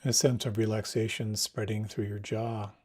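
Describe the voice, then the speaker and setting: A man leading a guided meditation, giving slow, soft, soothing instructions. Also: fairly low pitch, level tone.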